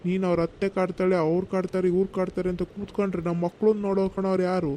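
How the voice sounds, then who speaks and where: Guy doing a chatty village fella in a cartoon, high even voice, faint hiss. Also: very fast, lightly acted. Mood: coaxing. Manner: coaxing, scolding rural banter. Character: younger village man, caring and chatty.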